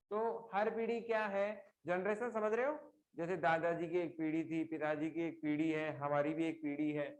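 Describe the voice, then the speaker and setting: A middle-aged man, somewhat high in pitch, teaches a live online class through a computer or phone mic. He explains patiently, goes back over the same homely examples and keeps turning to his students with questions.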